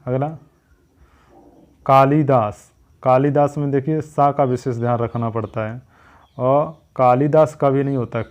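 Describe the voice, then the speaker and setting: A man's voice: medium pitch, a little mellow. A man teaching a spelling lesson, drilling each word by repeating its wrong and right forms.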